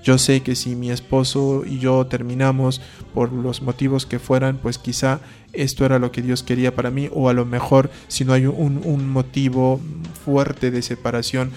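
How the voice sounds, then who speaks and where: A man's voice: medium pitch, monotone, normal speed, darkish tone, faint music behind. A man, a priest giving a conversational talk on faith, asking rhetorical questions and acting out short dialogues. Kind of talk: conversational preaching.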